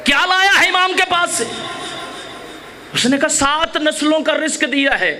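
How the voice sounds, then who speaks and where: A man with a Pakistani Urdu accent delivering a storytelling sermon at a majlis, acting out the dialogue and building to shouted climaxes. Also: very high voice, normal speed, a little hiss or hum. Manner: dramatic, acts out dialogue, rises to shouted climaxes. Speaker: Shia cleric reciting a majlis. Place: mourning gathering hall.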